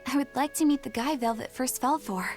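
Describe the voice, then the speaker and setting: An actress playing a guarded, stern young woman warrior in a video game, speaking in a curt, measured way. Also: sits high, a little mellow. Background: game music.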